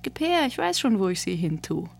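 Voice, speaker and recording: A woman voicing a dry, sarcastic young sister who speaks in short, clipped lines with a gravelly edge. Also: medium pitch, very animated, fairly quick, slight background noise.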